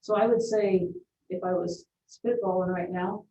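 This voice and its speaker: A woman's voice: lowish voice, steady tone, normal speed, mellow, a little hiss or hum. A woman at a school board meeting speaking earnestly, with hesitant fillers. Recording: distant, roomy, dull meeting-room audio.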